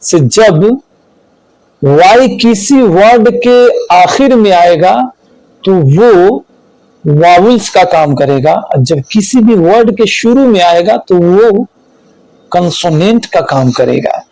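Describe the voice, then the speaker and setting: A man teaching English spelling rules, slow and deliberate, repeating each rule and listing examples. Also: sits high, lively intonation, darkish tone, no room sound, rough recording. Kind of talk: spelling lesson explained in Hindi.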